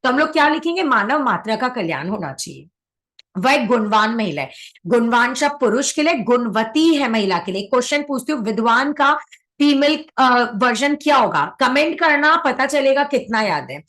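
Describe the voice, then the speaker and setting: Brisk high-voiced woman teaching grammar. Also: lively intonation, a bit bright. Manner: brisk, correcting sentences and quizzing students. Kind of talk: online exam-prep lesson.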